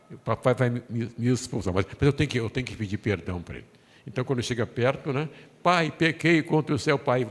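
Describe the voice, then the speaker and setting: A man with a Brazilian Portuguese accent, a pastor preaching a sermon. He tells the story in a lively way, voices the characters and puts questions to the congregation. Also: on the low side. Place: church sanctuary. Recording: long hall reverb in a church.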